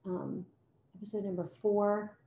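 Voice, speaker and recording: A woman's voice: little pitch movement, measured pace, dull audio. Upbeat woman teaching teachers, echoey room. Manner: enthusiastic, acts out classroom talk in a higher voice. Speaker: language arts teacher.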